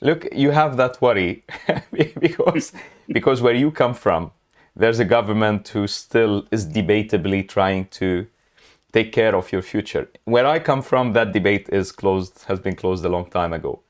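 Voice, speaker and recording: A man from Lebanon hosting a casual interview, talking in a halting way with lots of fillers and frequent laughs. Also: lowish voice. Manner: hesitant, many fillers, laughs often. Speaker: host.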